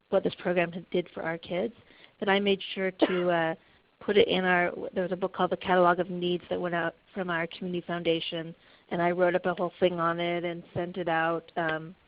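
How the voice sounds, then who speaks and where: Woman camp director, earnest, restarts a lot; fairly low voice over a dull call line. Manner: earnest, storytelling with many restarts. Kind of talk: webinar talk. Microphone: conference call. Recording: muffled conference call audio.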